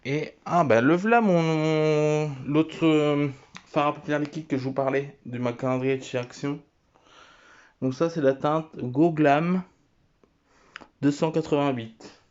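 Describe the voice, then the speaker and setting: A man casually showing and naming his items one by one, talking haltingly with many fillers and restarts. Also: a little high, fairly even intonation, a little mellow, dull audio. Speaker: vlogger. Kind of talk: casual show-and-tell.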